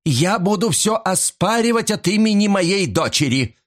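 A man voicing a furious middle-aged woman accused of crimes, shrill and screaming in an audiobook. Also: expressive, normal speed, natural voice. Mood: hysterical.

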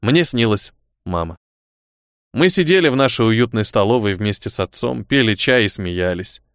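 Male audiobook narrator, expressive first-person reading, lively intonation, dead-dry studio sound. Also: fairly low pitch, moderate pace, clear, resonant tone, dry recording.

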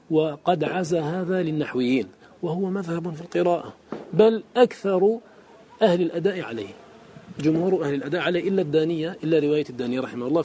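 A man's voice: a little high, a little mellow. Man teaching Quran recitation rules. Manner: reads verses aloud and glosses them line by line; chants Quranic examples slowly. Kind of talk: classical Arabic lesson explaining a didactic poem.

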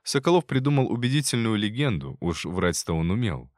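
A man narrating a first-person audiobook in a calm, wry manner. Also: on the low side, fairly quick, no room sound, clean studio sound.

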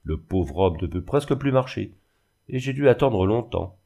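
A man reading a gentle young woman, softly pleading. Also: on the low side, lively intonation, moderate pace, gravelly. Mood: tender. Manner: pleading, emotional. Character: young woman, gentle and tender-hearted orphan niece.

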